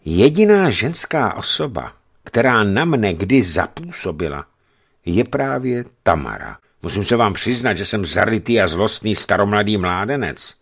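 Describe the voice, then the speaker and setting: A man's voice: on the low side, very animated, fairly bright tone, breathy edge, full character voice. A man voicing an earnest young male geologist, a lovesick bachelor who talks in sighing, confiding tones.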